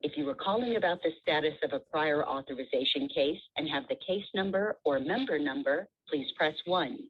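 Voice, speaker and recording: A woman's voice on a recorded automated phone menu, heard over a speakerphone, reading prompts in a measured, polite way. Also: low-pitched, animated, slightly rough. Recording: muffled speakerphone audio.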